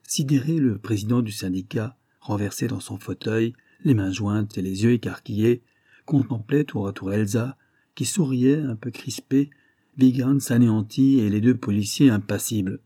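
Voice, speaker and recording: A man narrating an audiobook with a low, dark voice and a husky grain. He tells the story in a measured, dramatic way, recorded dry and close to the microphone. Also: no room sound. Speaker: audiobook reader. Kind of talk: scripted narration.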